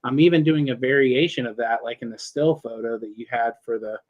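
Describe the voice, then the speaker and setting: A man's voice: mid-range voice, a little fast, highs cut off. Joking, self-deprecating male guest preacher. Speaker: guest, open-air preacher. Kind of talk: casual interview chat.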